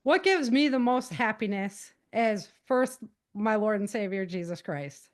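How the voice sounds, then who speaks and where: Speaking unhurriedly in an expressive, medium-pitched voice, a middle-aged American author and self-defense teacher appears as a podcast guest. Her interview answers are conversational, earnest and emphatic, delivered informally.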